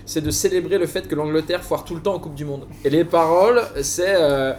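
A man with a slightly high voice talks casually and enthusiastically, explaining as he goes. The room is clearly echoey, with faint noise behind him. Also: brisk, darkish tone. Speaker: guest author on a football and music show. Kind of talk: casual discussion. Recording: roomy echo, faint background noise.

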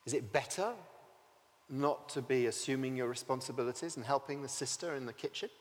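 A man's voice: medium pitch, brisk, in a large hall. A man preaching a sermon, telling the story vividly and asking rhetorical questions.

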